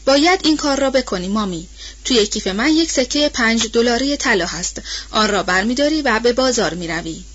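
A spoiled young woman, read by a woman narrator gives orders in cool, formal storybook speech. The voice is on the high side. The sound is dull and lo-fi. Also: expressive, fairly bright tone. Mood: commanding. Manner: cool, bookish commands. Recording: dull lo-fi recording.

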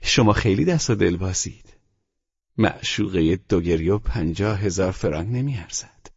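A man's voice: medium pitch, sing-song, vocal fry, husky, heavily acted. A man reading an audiobook voices a proud young woman who is scornful and breaks into distraught outbursts. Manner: contemptuous, shouting, sobbing outbursts. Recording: muffled lo-fi recording.

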